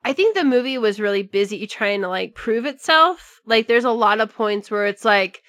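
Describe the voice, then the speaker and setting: Casual podcast co-host, a woman with a slightly high voice, forceful and profane, dry close sound. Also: lively intonation, normal speed, no echo. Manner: emphatic, swears freely. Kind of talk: casual chat.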